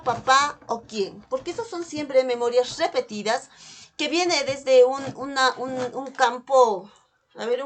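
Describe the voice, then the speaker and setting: A woman's voice: on the high side, slight background noise. A woman leading a live online holistic therapy workshop, guiding participants with repeated questions and prompts to write in the chat. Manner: coaxing, repetitive prompting with direct questions.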